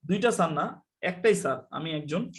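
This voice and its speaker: A man's voice: fairly high pitch, lively intonation, normal speed. A man from Bangladesh teaching English in a live online class, chatty and teasing, mixing in English phrases.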